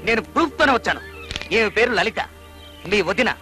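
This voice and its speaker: A man's voice: high-pitched, lively intonation, a little fast, bright, forceful tone, faint music behind. An actor playing a meddling young man who is the brother's friend, speaking insistently. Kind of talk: Telugu film acting.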